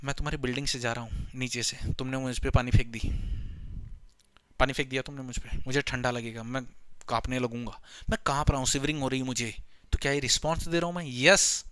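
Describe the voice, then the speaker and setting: Guy teaching biology like a class, really bright crisp voice, jokey, asks stuff then answers it himself. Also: mid-range voice, steady tone, a little fast, dry recording. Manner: playful, asks questions and answers them himself; calls viewers his children. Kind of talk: classroom lecture.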